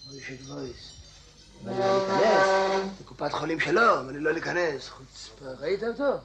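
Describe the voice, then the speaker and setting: A man's voice: a little high, expressive, music in the background. A man playing a chatty old man in a comedy sketch, grumbling and drifting off into nostalgic tangents. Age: older.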